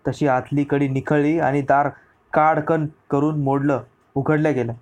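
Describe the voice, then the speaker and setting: A man narrates a historical tale in an audiobook reading. His voice sits a little high and stays steady and flat. He keeps a measured storyteller's pace.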